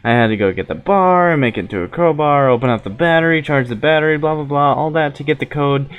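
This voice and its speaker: A man's voice: fairly high pitch, fast, clean tone, narrow, tinny audio. A man hosting a gaming video with casual let's play commentary, informal and playful in his phrasing.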